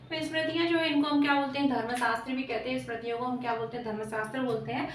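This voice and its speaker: A woman's voice: high-pitched, fairly even intonation, very fast, slight background noise. A woman teaching an exam-prep lesson at a whiteboard, often repeating "ठीक है" and asking rhetorical questions to quiz her students. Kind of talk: whiteboard lecture. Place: classroom with a whiteboard. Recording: echoey room, voice from off-mic.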